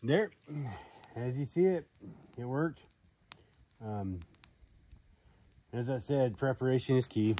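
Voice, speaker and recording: A warm, mid-range male voice, expressive and slow with long pauses, walks through an informal outdoor fire-starting demo for a product review. The delivery is unscripted, hesitant and folksy, drifting along with some swearing, and the outdoor recording is noticeably noisy with clicks.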